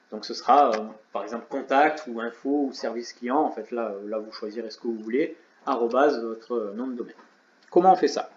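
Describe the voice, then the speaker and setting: A man's voice: medium pitch, a little mellow. A tired man hosting a casual e-commerce tutorial, chatty, with self-mocking asides. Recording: roomy, slightly dull sound.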